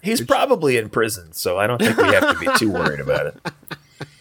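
A man's voice: mid-range voice, wildly swooping pitch, brisk, a crowd in the background. A man co-hosting a podcast, joking, swearing and laughing through casual chat. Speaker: podcast co-host.

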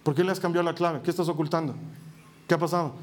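Preacher doing a jealous controlling husband, high voice, suspicious, fires off questions. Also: male voice, little pitch movement, fast talker, close to an everyday voice. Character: jealous controlling husband interrogating his wife.

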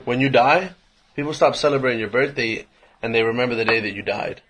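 A man's voice: mid-range voice, fast talker, fairly bright tone, breathy edge. A man in his mid twenties co-hosting a casual podcast, candid and swearing freely. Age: 20s. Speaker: podcast co-host. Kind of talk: casual chat.

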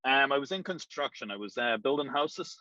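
A man's voice: mid-range voice, lively intonation, a little fast, pushed and bright, no room sound. A man in his forties with an Irish accent, answering interview questions in a rambling, hesitant way with frequent ums. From Ireland. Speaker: real estate agent, guest. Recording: dull lo-fi sound.

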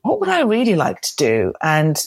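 Middle-aged woman, deep voice, dry, rambling interview guest. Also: huge pitch swings, normal speed, slightly rough, no room sound. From Croatia. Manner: chatty and rambling, with restarts and laughs. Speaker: guest, hair and makeup designer. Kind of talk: casual interview storytelling.

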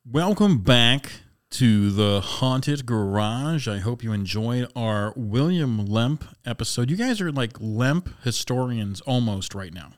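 A man's voice: mid-range voice, animated, slow pace, hardly any pauses. A man hosting a paranormal podcast in a jokey, mock-boastful chatting style. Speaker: podcast host. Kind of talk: joking paranormal podcast chat.

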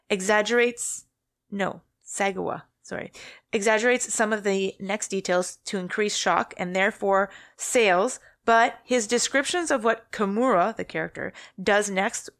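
A woman's voice: medium pitch, a bit bright, dry recording, clean studio sound. A woman co-hosting a podcast, casually recounting a true-crime story and often correcting herself mid-sentence. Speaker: podcast co-host.

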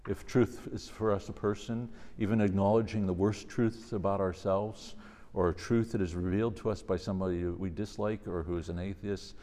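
Low-voiced priest in a long, echoing reverb. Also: male voice, fairly even intonation, fairly quick, mellow. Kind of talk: religious lecture and prayer. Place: large reverberant indoor room. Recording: echoey hall with long reverb.

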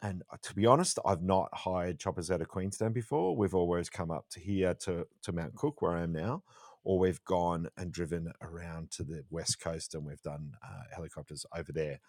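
A man's voice: low-pitched, normal speed, darkish tone, no echo, studio quality. A man with an Australian accent, co-hosting a podcast and telling a travel story in a chatty, jokey way. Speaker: podcast co-host. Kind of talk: casual chat.

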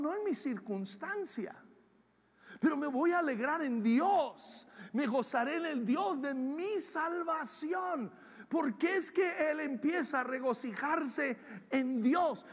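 Older guy preaching, high voice, slow and booming in a big reverby hall. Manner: impassioned, swings from shouting to hushed. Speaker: pastor. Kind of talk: sermon.

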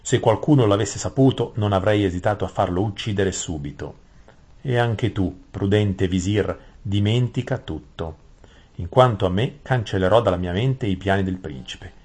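A cold, calculating old king, put on by a male narrator, speaking in slow, grave, commanding tones. The voice sits low and sounds husky and breathy. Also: a little mellow.

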